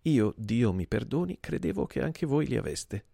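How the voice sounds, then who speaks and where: A man voicing an older, guilt-ridden gentleman who pleads hesitantly in a trembling voice. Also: medium pitch, big pitch swings, normal speed, gravelly, breathy edge, no room sound, clean studio sound, voice pushed up, heavily acted. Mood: pleading.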